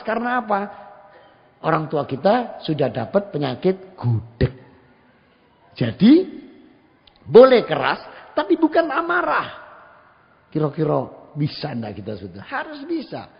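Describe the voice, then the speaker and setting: A man with an East Javanese accent preaching a sermon in a mosque, folksy and lively, acting out what people say. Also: on the high side, gravelly. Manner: lively, folksy, acts out quoted speech, mixes in Javanese. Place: mosque hall. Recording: dull lo-fi sound, long hall reverb.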